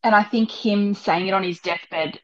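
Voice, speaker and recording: A woman's voice: mid-range voice, normal speed, fairly bright tone. A woman co-hosting a podcast in casual chat, her voice heard through dull, worn-sounding audio. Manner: chatty, agreeing. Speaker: podcast co-host.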